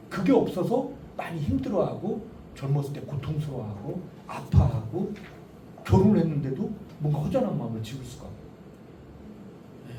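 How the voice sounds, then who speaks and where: A middle-aged man giving a lively lecture on family life, joking with the audience and asking them questions. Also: mid-range voice. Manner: animated, jokey, asks audience questions. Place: lecture hall. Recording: echoey hall, distant mic, faint noise.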